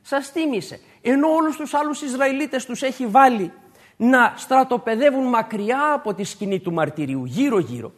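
A man's voice: very high-pitched, expressive. A man preaching a sermon to his congregation, emphatic and repeating his key points.

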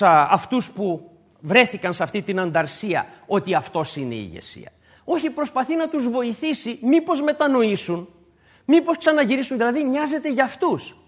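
A man's voice: very high voice, very animated. A man preaching a sermon to his congregation, emphatic and repeating his key points.

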